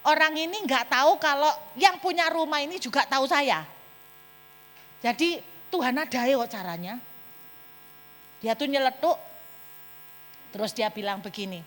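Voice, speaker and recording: A woman pastor, telling a personal story in a sermon to her congregation. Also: a little high. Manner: storytelling, animated, addresses congregation directly. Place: church hall. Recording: long hall reverb, mains hum.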